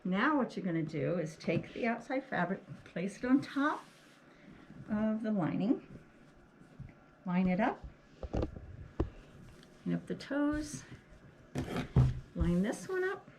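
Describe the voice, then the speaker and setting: A woman's voice: medium pitch, big pitch swings, slow pace, pauses often, darkish tone. A woman speaking through a face mask, giving a casual hands-on craft demonstration and talking along as she works. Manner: homely, talks along while working, often checks with "okay". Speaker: craft tutorial host. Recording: clearly noisy, clicks of handling.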